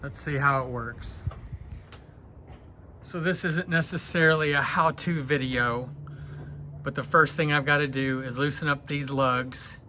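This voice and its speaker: Bright-voiced man working on a truck. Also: medium pitch, steady tone, unhurried, pauses often, a little hiss or hum. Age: middle-aged. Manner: folksy, joking, talks while working. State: out of breath. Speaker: vlog host doing truck repair. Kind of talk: casual DIY narration.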